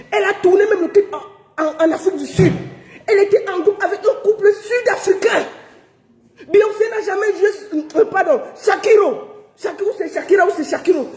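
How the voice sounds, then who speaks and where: A woman from Cameroon, ranting indignantly to the camera, shouting with bitter laughter. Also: very high voice. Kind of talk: angry rant to camera. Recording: roomy echoey room.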